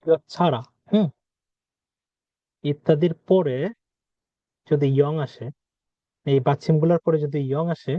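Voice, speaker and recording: A man teaching a language lesson, explaining rules, asking questions aloud and repeating example words slowly. He is a native speaker of Bengali. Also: on the high side, no echo, muffled recording.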